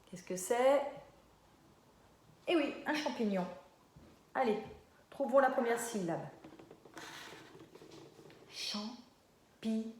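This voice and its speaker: A woman teacher leading a lesson for young children, stretching words slowly and praising often. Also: on the high side, expressive, a little mellow, roomy sound, a little hiss or hum. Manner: slow, drawn-out syllables, encouraging.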